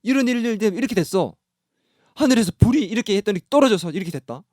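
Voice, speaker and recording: Brief: a preacher voicing a shaken, hurried king explaining bad news, slightly raised, lively pitch. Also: no room sound, clean studio sound. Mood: anxious. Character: shaken king reporting to his queen.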